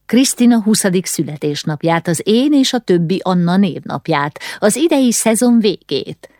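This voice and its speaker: A woman's voice: medium pitch, animated, warm tone, no echo, clean studio sound, voice pushed up, close to an everyday voice. A woman voicing a haughty, fussy aristocratic mother who is condescending and easily alarmed, in an audiobook reading. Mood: bossy.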